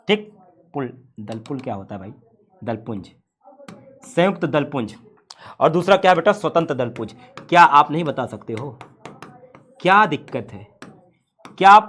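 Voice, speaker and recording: A man's voice: on the high side, a bit bright. A man teaching a science class, playful and full of rhetorical questions to his students.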